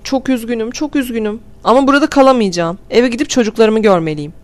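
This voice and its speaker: A woman's voice: on the high side, a little fast, pitched above the performer's own voice, natural voice. A woman reading aloud, voicing a frantic young mother who pleads desperately to go home to her children. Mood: desperate pleading. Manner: pleading, raised and strained.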